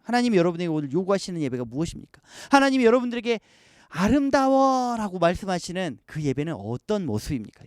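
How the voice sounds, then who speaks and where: Male preacher, high and very expressive voice, dry close-miked recording, online youth sermon. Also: no echo. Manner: animated preaching, acts out quoted voices. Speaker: pastor.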